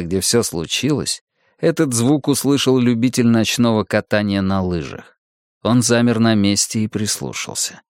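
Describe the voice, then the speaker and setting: A man narrating a horror story in a dramatic, tense reading that drops to hushed tones and rises with alarm. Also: medium pitch, no room sound, studio quality. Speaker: audiobook narrator.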